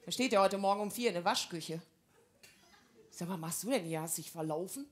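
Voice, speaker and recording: A woman's voice: fairly low pitch, fairly quick. A woman delivering a stand-up comedy monologue in brash, gossipy housewife banter full of broad slang.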